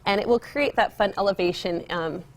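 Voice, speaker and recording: A woman's voice: medium pitch, a little fast, a little hiss or hum. A young American woman chatting informally and upbeat as a guest giving a decor demonstration on television. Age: young adult. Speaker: guest home decor store representative. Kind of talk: casual TV demonstration interview. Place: TV studio set, indoors.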